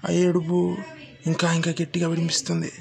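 A man tells a first-person horror story in a steady, suspenseful way. His voice is gravelly and husky, a little high, and stays nearly flat in tune throughout. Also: brisk.

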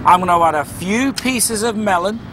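Male infomercial presenter, high-pitched, doing an upbeat step-by-step demo outdoors with faint background noise. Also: moderate pace. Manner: narrates each step while demonstrating. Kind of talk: upbeat product demonstration.

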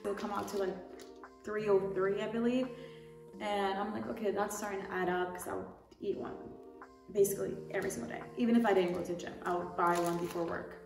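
Talking informally to camera, this young lifestyle YouTuber rambles a bit through a product haul in her mid-range voice, which is steady in tone, a little fast and touched with vocal fry. She's in an indoor room, recorded on a distant mic with roomy echo and background music.

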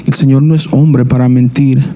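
Dark-voiced man preaching. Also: medium pitch, flat delivery. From Dominican Republic. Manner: earnest, halting, restarts phrases often. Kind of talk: sermon with personal testimony. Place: church.

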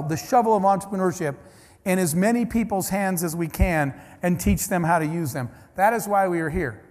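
A man giving a conference keynote, telling stories in a conversational, anecdotal way with restarts and asides. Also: sits high. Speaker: keynote speaker. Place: large conference hall. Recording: long hall reverb.

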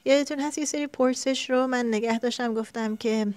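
A woman teaching an English grammar lesson, with a slightly high voice. She explains patiently, pausing often and reading English example sentences aloud. The sound is close and dry, with no room echo. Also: fairly even intonation, a little mellow, clean tone.

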